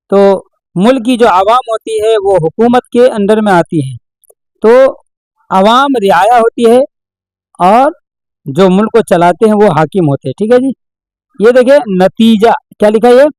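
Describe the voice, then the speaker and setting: High-voiced patient male reading teacher. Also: darkish tone, dry recording, poor audio. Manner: patient, sounds out letters and asks questions. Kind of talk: slow spelling-out lesson.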